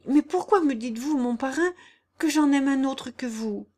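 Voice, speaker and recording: A woman's voice: sits high, moderate pace, darkish tone, pitched above the performer's own voice, lightly acted. A woman voicing a simple, devoted young peasant girl who speaks earnestly and plaintively in an audiobook. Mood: pleading. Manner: earnest, plaintive, rustic phrasing. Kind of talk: audiobook character reading.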